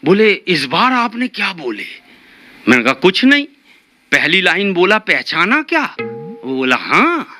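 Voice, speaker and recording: A man performing stand-up comedy, telling stories with animated delivery and repeated lines for comic effect. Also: high-pitched, a little slow, soft background music.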